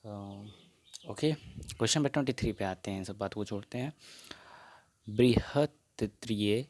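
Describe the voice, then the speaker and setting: A man's voice: lowish voice, no echo. A man teaching an exam practice lesson, reading out quiz questions and answer options one by one and slipping into English phrases.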